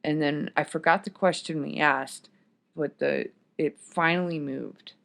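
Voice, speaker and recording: A woman's voice: low voice, fairly even intonation, unhurried, vocal fry, a bit bright. Woman on a podcast rambling thru her story, keeps going off on tangents. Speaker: podcast guest. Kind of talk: casual storytelling. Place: podcast studio.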